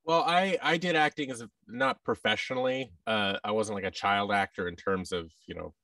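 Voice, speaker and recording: An American man in his thirties, an actor and audio drama producer, rambles self-deprecatingly as a guest in a casual interview over a video call. His fairly low voice has vocal fry and a bright, forceful tone at moderate pace, and he sounds far from his boom-arm mic or headset. He's in a large indoor office room, yet there's no room sound.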